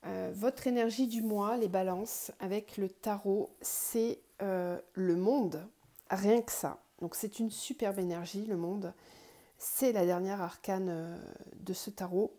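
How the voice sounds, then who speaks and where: A woman hosting a spiritual card reading for viewers, slightly ill, her voice cracking at moments, explaining gently with pauses. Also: medium pitch, fairly even intonation. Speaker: tarot card reader and online guidance host.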